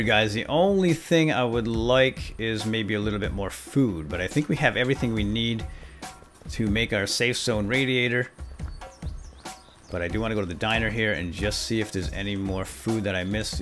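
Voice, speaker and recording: A man with a lowish voice hosts a video game let's play series at a moderate pace, with soft background music. He's animated, jokey, and playful, chatting to viewers and to himself as he plays and exclaiming along the way.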